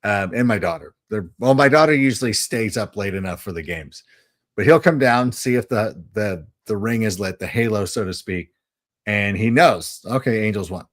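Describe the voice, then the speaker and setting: A middle-aged man chatting casually on a livestream, his pitch swinging widely as he tells stories and slips into voices when he quotes. The sound is dry and close, with no room echo. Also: normal speed. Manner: animated storyteller, jumps into voices when quoting. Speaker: livestream co-host. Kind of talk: casual chat.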